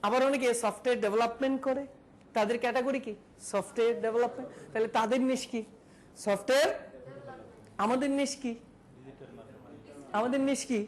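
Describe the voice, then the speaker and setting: A woman's voice: on the high side, steady tone, fairly quick, pauses often. A woman teaching a digital marketing class, questioning students one by one and repeating key terms. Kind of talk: classroom lecture.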